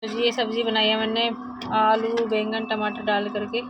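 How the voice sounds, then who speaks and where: A woman's voice: fairly high pitch, monotone, normal speed, muffled recording, background noise. A young woman with an Uttar Pradesh Hindi accent, chatting to viewers in a casual vlog as she explains each household chore while she works. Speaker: family vlogger and homemaker.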